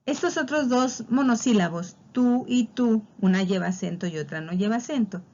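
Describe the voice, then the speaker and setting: A woman's voice: on the high side, animated, moderate pace, darkish tone, lo-fi sound. A woman teaching a spelling lesson, patiently walking through examples and drawing out key words. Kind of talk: spelling lesson explained over slides.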